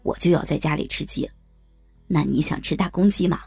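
A woman's voice: deep voice, a little fast, creaky, dark tone, breathy edge, soft background music, pitched below the performer's own voice, exaggerated voice. A woman voicing a sly, lecherous old man with a leering, teasing drawl.

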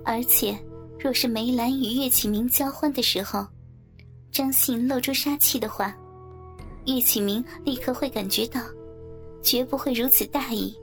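High-voiced woman narrating a novel. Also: moderate pace. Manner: steady storytelling, acts out characters. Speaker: audiobook narrator. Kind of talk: scripted martial-arts novel narration. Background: faint background music.

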